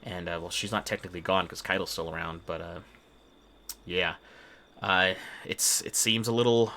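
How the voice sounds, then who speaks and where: Bright, low-voiced man rambling over a game. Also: fairly even intonation, a little hiss or hum. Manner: rambling, halting, earnest. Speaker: gamer reacting to game story. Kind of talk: casual gameplay commentary.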